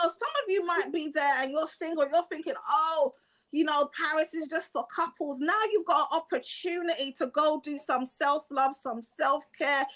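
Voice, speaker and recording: A woman's voice: high-pitched, fairly bright tone, rough recording. A woman hosting an online panel chat, enthusiastic and gushing as she introduces guests. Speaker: host.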